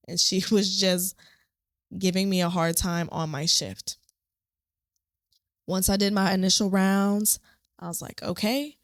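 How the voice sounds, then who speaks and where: A woman podcast host, a nurse, telling a story from a shift in a lively, animated way. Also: fairly low pitch, no echo, clean studio sound. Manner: animated storytelling, acts out quotes.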